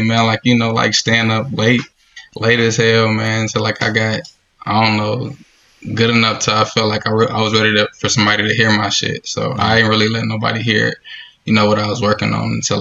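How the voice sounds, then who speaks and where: Young man from Ohio, podcast guest, relaxed slangy talk, gravelly low voice, slightly dull and lo-fi recording. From Dayton, Ohio, US. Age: 20s. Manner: easygoing slang-heavy talk, says "man" a lot. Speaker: podcast guest, music producer. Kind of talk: casual podcast chat.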